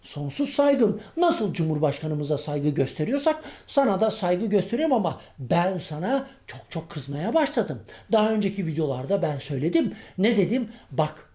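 A man's voice: sits high, very animated, moderate pace, hardly any pauses, mellow. A male comedian playing a grumbling, irritable middle-aged man on the street in a comic monologue sketch, ranting in folksy slang and firing off rhetorical questions.

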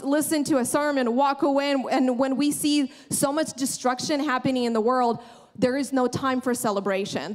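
A young woman delivers a sermon from a large church stage. Her voice sits a little high, and her earnest, conversational delivery is full of restarts and asides. She speaks into a handheld microphone.

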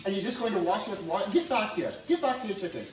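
A man's voice: sits high, animated, a loud crowd. A young man hosting a casual cooking vlog in his home kitchen, joking and teasing his friends. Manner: joking, teasing, quick asides. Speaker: channel host. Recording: echoey kitchen from far off.

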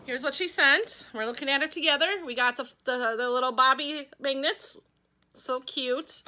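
Middle-aged woman vlogger from Wisconsin, high and bright voice, gushing casual chat. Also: moderate pace. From Wisconsin, USA. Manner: gushing, chatty, talks to her pet. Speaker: vlogger opening fan mail.

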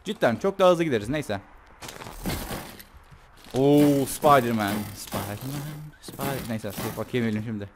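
Young guy doing lets play commentary, jokey and loud at times, gunfire going off behind him. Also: mid-range voice, normal speed, long pauses, noisy background. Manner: joking, excitable, swears and yelps during fights. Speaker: gameplay commentator. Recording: game audio with gunfire behind. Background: gunfire and game sounds.

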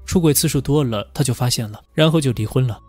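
A man voicing a weary, guilt-ridden divorced man, speaking his lines in a flat, quiet way within a film recap. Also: medium pitch, quick pace, husky, no room sound, faint music behind, natural voice. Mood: subdued.

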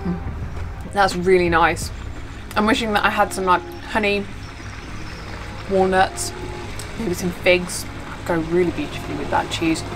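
A woman's voice: on the low side, steady tone, a little slow, pauses often. A woman in a casual food vlog, chatty and savoring each bite, talking with her mouth partly full. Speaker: food vlogger. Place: outdoors. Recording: music playing clearly under the voice. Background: music.

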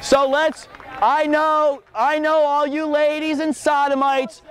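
A man preaching loudly outdoors on a college campus as a street preacher, declamatory and confrontational. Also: extremely high pitch, flat delivery, slow. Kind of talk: open-air street preaching.

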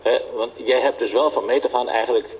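A man interviewing a young singer and narrating between segments, asking probing, teasing questions and often tagging his sentences with a quick "hè". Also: medium pitch, steady tone, poor audio. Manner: probing, teasing questions with frequent tag words. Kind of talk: warm interview and voice-over narration.

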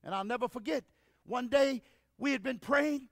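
A male evangelist preaching a revival sermon, impassioned, swinging between shouts and hushed storytelling, repeating words as he builds. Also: very high-pitched, normal speed, creaky, no room sound, studio quality.

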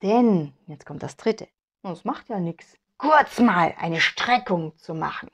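A woman's voice: fairly low pitch, expressive, unhurried. A woman with a German accent teaching piano, patiently explaining and demonstrating at the keyboard. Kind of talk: piano tutorial instruction. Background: piano playing.

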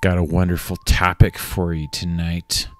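A man hosting a motivational video, swearing freely and swinging between whispered asides and loud bursts. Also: deep voice, level tone, no echo, soft background music. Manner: unhurried, drawn-out delivery. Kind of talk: profane motivational monologue.

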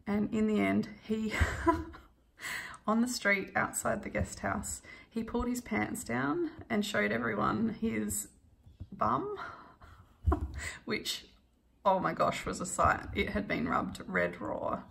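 A woman with a deeply gravelly, creaky voice at a middling pitch tells a story in a relaxed, chatty way. She laughs often and fills her pauses with ums as she stitches at home. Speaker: cross stitch vlogger. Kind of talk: casual storytelling while stitching.

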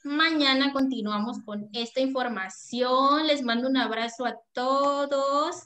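A woman's voice: high-pitched, unhurried, a bit bright, roomy sound. A woman teacher giving an online class, affectionate, often checking in with the pupils. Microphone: video call.

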